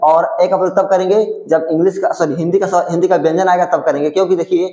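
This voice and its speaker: A man's voice: high-pitched, steady tone, quick pace, warm tone, echoey room, low-quality recording. A male teacher explaining a grammar point step by step, repeating himself and checking in with his students. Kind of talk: whiteboard grammar lesson.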